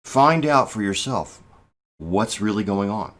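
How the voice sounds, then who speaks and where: A man in his fifties talking through political commentary to the camera, measured and halting, with restarts and emphatic stresses. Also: fairly low pitch, lively intonation, fairly bright tone. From United States. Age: 50s. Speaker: political vlogger. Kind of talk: casual spoken commentary.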